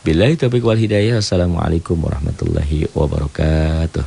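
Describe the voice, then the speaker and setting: A man's voice: rumbling low, fairly even intonation, brisk, creaky. A man teaching Quran reading rules on a radio program, explaining patiently step by step and pointing things out as he goes. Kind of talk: radio tajwid lesson. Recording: radio broadcast with faint hiss.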